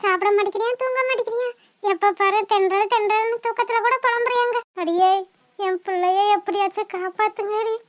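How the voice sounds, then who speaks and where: A woman's voice: very high voice, fairly even intonation, fairly quick, lo-fi sound. A woman voicing an elderly village grandmother who laments and pleads for help. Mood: grieving.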